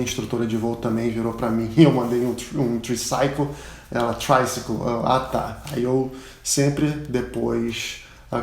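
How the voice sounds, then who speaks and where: A Brazilian man, a pilot, giving a casual spoken lesson, chatty and full of anecdotes, repeating the words he teaches loudly. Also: medium pitch, creaky, reverberant. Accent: Brazilian Portuguese. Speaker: pilot and aviation English instructor.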